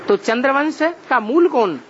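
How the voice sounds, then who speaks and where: A man giving a religious discourse, explaining slowly and asking rhetorical questions of his listeners. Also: very high voice, animated, a bit bright, dull audio, slight background noise. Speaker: spiritual teacher.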